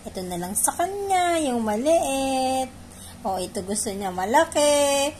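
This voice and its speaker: High-pitched woman coaxing her dog. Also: expressive, measured pace, darkish tone, a little hiss or hum. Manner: coaxing, repeats short commands. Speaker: pet owner. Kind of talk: playful talk to a dog.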